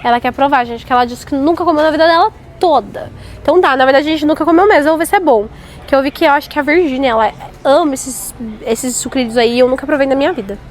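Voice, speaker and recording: A woman filming a casual vlog on her phone in a supermarket aisle, talking excitedly with playful mock alarm. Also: sits high, fast. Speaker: mother filming a family outing. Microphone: handheld phone camera. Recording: noisy store ambience.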